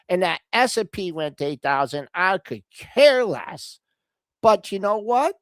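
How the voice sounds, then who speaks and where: An older woman co-hosting a market talk show, speaking in a measured, hesitant way with many fillers and restarts. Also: medium pitch, no room sound.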